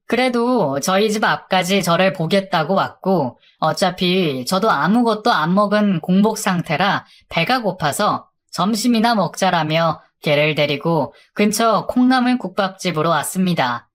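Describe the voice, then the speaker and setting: A woman narrating her own life story in a confiding, conversational storytelling manner. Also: fairly low pitch.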